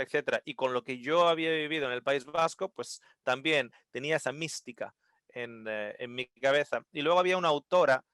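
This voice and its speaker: A man telling a personal story at a seminar in an animated way, acting out the voices and often restarting his words. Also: mid-range voice, dry recording, studio quality. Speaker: seminar speaker.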